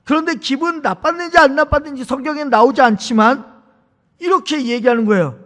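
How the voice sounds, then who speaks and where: A man's voice: very high-pitched, brisk, fairly bright tone. A man preaching a sermon as pastor, telling stories and acting out the people in them, in a church sanctuary. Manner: storytelling, acting out the people in his examples. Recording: reverberant church hall.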